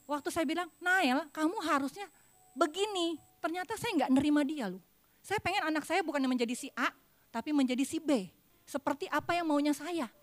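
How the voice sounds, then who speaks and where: High-voiced woman preaching a sermon. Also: fairly quick. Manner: confessional, swings from loud emphasis to hushed apology. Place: church pulpit.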